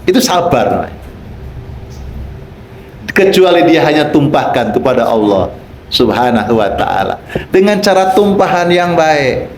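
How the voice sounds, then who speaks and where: A man's voice: fairly high pitch, very animated, measured pace, pauses often, roomy sound, a little hiss or hum. A man giving a playful sermon, acting out little dialogues and raising his voice for emphasis. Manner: playful, acts out quoted voices, rising to shouts for emphasis. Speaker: Islamic preacher. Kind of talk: lively sermon with acted dialogues.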